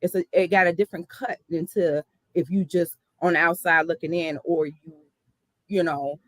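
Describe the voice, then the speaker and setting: A woman's voice: lowish voice, steady tone, normal speed, no echo, low-quality recording. A woman from the South Side of Chicago, a hip hop artist telling her story in an earnest, reflective interview.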